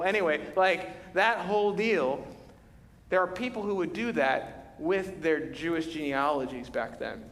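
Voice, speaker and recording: A man preaching a sermon as pastor, telling the story with lively, conversational energy and acting out the quotes. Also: on the high side. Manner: animated storytelling, acts out quotes. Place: large church hall. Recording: reverberant church hall.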